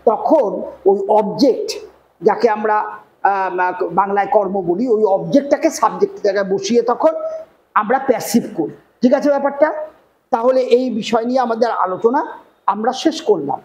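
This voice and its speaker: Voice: medium pitch, moderate pace, darkish tone. Teacher giving a step-by-step grammar lesson. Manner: explains step by step, keeps checking the class understands. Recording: echoey room with faint noise.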